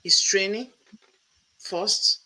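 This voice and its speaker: Bright-voiced man hosting an interview. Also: high voice, fairly even intonation, drawn-out words, rough recording. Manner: emphatic, explanatory, lists points. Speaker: host and professor. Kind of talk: interview conversation.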